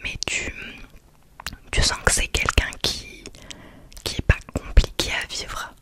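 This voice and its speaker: A woman whispers softly, as if in a library, giving an ASMR book review in a halting, reflective way. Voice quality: soft unvoiced whisper throughout. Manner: hushed, library-style whispering. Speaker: ASMR creator reviewing books.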